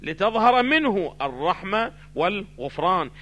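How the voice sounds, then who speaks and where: A man teaching a theology lesson, asking his listeners questions and answering them himself, swinging between loud stressed phrases and quiet asides. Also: high-pitched, sing-song, moderate pace, highs cut off. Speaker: religious teacher. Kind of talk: theology lecture mixing classical and colloquial Arabic.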